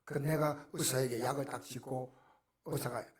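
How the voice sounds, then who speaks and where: A middle-aged male pastor, preaching a sermon that swings from hushed near-whispers to loud exclamations. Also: mid-range voice, steady tone, moderate pace.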